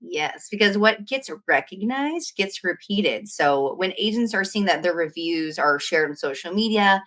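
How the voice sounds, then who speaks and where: A woman with a fairly low voice talks through practical steps as a podcast co-host. She is conversational, affirming and emphatic, sometimes acting out what a listener might think. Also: lively intonation, measured pace, a bit bright. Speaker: co-host of a real estate business training podcast. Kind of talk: conversational step-by-step explanation.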